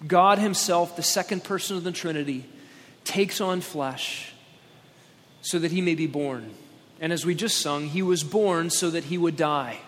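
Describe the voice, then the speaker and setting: Pastor preaching at a pulpit mic. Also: male voice, on the high side, fairly bright tone. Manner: emphatic, slowing down on key words. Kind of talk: sermon. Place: church sanctuary, speaking at a pulpit microphone. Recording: long church-hall reverb.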